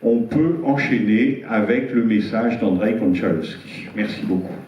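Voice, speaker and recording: A man's voice: fairly low pitch, unhurried. A man presenting an event live, addressing the audience and the projection booth in French. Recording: dull, echoey hall, distant microphone.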